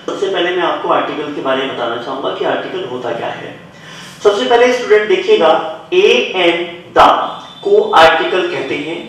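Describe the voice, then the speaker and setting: High-voiced man teaching in an echoey room. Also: normal speed, a bit bright, recorded from a distance. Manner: explains step by step, addressing the students directly; mixes English words and examples into the explanation. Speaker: English grammar teacher. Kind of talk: classroom-style video lesson.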